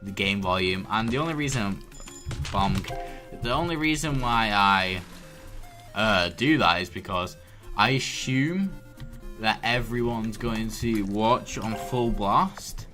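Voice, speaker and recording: Low-voiced man rambling over game music. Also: takes it slowly. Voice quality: tends toward monotone. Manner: rambling, counts orders aloud under his breath. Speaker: let's play host. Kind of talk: casual gameplay commentary. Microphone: desk microphone at full volume. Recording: game music loud under voice.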